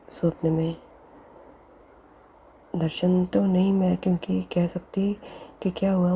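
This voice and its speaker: A middle-aged woman sharing a devotional testimony in a soft, halting way, often addressing her listeners respectfully. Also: low voice, a little hiss or hum.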